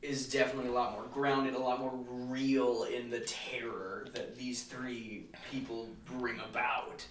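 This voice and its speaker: A man's voice: medium pitch, little pitch movement, measured pace, hardly any pauses, a bit bright, distant mic, a little hiss or hum. A man co-hosting a podcast, chatting casually about films and often chiming in to agree. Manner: brief agreeing interjections. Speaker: podcast co-host. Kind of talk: casual film discussion. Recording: echoey room, set back from the mic.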